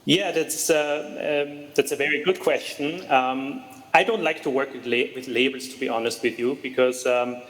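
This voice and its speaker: Speaking at a moderate pace in a mid-range, fairly bright voice, a man from Austria who co-founded a startup takes interview questions on a video call. The low-quality recording sounds like it was made in a large hall. His conversational replies are hesitant, full of fillers and restarts.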